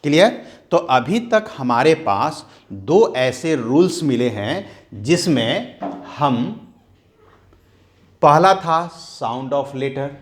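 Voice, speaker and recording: A man teaching a grammar lesson, who explains slowly and repeats each point as a question to his students. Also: medium pitch, very animated. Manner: slow, repeats key words as questions to the class. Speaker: English teacher.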